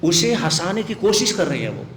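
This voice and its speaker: A man's voice: high-pitched, big pitch swings, moderate pace, fairly bright tone, slight background noise. A man, a monk, preaching by dramatically retelling a story and often checking in with his listeners. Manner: dramatic, emotional, asks audience for agreement. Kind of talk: storytelling sermon. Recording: echoey hall with long reverb.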